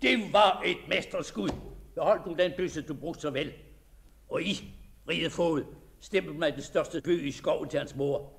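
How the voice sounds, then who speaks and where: A man voicing a gruff, commanding older country squire who bellows orders, in a dramatic reading. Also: on the high side, a bit bright. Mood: hearty.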